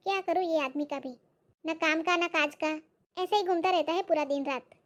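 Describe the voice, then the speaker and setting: A woman's voice: very high voice, normal speed. Grumbling woman in a comic skit. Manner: grumbling and exasperated. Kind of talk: comic skit with muttered asides.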